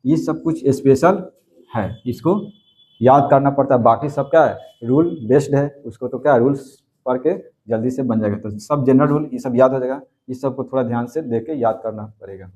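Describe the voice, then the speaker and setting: A man teaches a grammar class at a steady middle pitch. He keeps asking questions and answering them himself, and he says each key word twice. It sounds like an ordinary coaching-centre lesson. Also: moderate pace. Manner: repeats key words and quizzes himself with questions.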